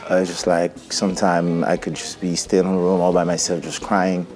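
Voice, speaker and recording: A man from Haiti in his forties, speaking with a Haitian accent as a musician guest in a studio interview. He talks in a halting, reflective way and often restarts his sentences. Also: low-pitched, level tone, over loud music. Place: TV studio set. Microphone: lapel mic.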